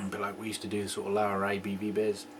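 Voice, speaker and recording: A man hosting a homebrew video, chatting casually as he tastes a beer, rambling and joking and often clearing his throat. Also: fairly low pitch, completely flat delivery, brisk, background noise. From England. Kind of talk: casual homebrew tasting chat.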